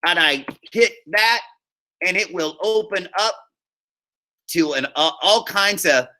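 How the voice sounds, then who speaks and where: This male high school drama teacher talks his class through things step by step over screen share, informally and encouragingly, checking often that they follow. His high-pitched voice is bright and forceful with lively intonation, and he takes it slowly. A little hiss or hum sits in the recording.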